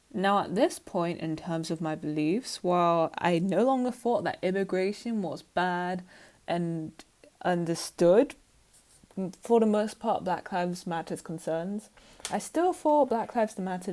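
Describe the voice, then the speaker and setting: A woman's voice: mid-range voice, warm tone. Rambling chatty woman vlogger. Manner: rambling, filler-heavy, self-mocking. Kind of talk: casual monologue.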